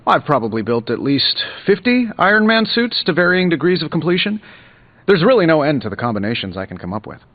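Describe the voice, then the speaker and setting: Iron Man, breezy wisecracking hero, higher-pitched. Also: sing-song, brisk. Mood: wry, boastful. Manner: breezy, sarcastic, boastful. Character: wisecracking, self-assured billionaire armoured superhero inventor, adult man. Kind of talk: video game voice acting. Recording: slightly dull audio under loud music.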